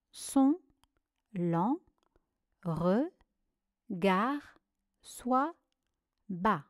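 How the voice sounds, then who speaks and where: A woman teacher dictating a reading exercise for children, sounding out each syllable slowly and carefully. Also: mid-range voice, darkish tone, no echo, studio quality. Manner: slow, carefully articulated syllables.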